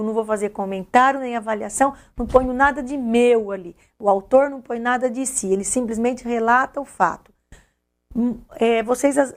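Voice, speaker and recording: A woman teaching literature to exam students, her voice sitting a little high. She explains things patiently, step by step, and often checks in with the class with rhetorical questions. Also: a little mellow. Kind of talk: exam-prep lecture.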